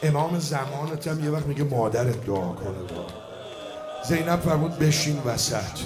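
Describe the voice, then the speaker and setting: A man telling a religious story as a dramatic lament, swinging from hushed tones to shouts. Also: on the high side, a crowd in the background. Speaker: eulogist.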